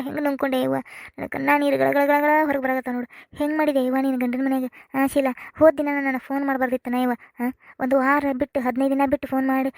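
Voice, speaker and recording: A woman's voice: sits high, a little mellow, no room sound, clean studio sound. A woman voicing a fussy, doting middle-aged village mother in a cartoon comedy, with a North Karnataka accent and a chattering, dramatic way of talking. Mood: fussing. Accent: North Karnataka Kannada. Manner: chattering, dramatic, rhetorical questions.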